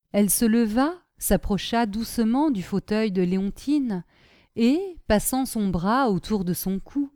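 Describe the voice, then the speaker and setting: A woman narrating an audiobook in an expressive storytelling manner. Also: medium pitch, dry recording, studio quality.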